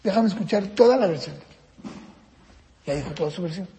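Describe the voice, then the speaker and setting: High, gravelly man teaching parents. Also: expressive, a little fast, warm tone, slight background noise. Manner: acts out parent-child exchanges while explaining. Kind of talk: lecture to parents. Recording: reverberant room with long echo.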